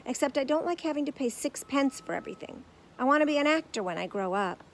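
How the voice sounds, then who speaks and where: A woman's voice: high voice, lively intonation, fast, slight background noise, pitched above the performer's own voice, rough recording. A woman voicing a polite, earnest small young bear who speaks patiently and firmly in a storybook.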